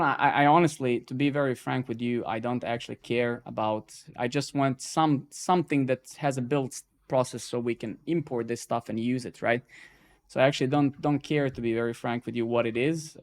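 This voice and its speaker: The stream host, originally from Serbia and with a mid-range voice, codes live in a laid-back way. He swears when things frustrate him and keeps ending lines with "right?" or "man".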